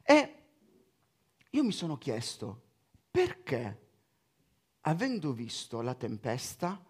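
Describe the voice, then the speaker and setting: A man's voice: mid-range voice, huge pitch swings, slow pace, slightly rough. A man preaching a sermon, reading scripture aloud and breaking off into joking asides to his congregation.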